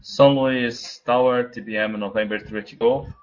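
A man's voice: mid-range voice, fairly even intonation, normal speed. A man speaking as a pilot, making short radio calls and readbacks. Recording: dull lo-fi radio audio.

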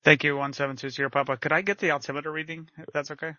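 A man's voice: fairly high pitch, little pitch movement, racing, pushed and bright, dry recording, muffled recording. A man pilot making hesitant, polite calls to air traffic control over an aircraft radio, with many fillers. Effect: heard over an aircraft radio.

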